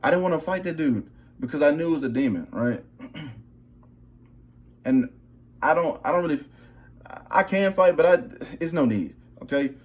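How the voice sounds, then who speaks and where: A young male vlogger shares a personal spiritual testimony in a casual, emphatic way, repeatedly saying "bro" and "okay" as he checks in with his listeners. His voice sits on the high side with lively intonation and a slightly mellow quality, moving at a moderate pace broken by long pauses.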